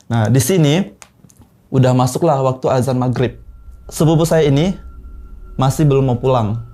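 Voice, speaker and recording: A man in his twenties from South Sulawesi, telling a horror story in a relaxed, unhurried way with many pauses. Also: mid-range voice. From South Sulawesi, Indonesia. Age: 20s. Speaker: guest storyteller.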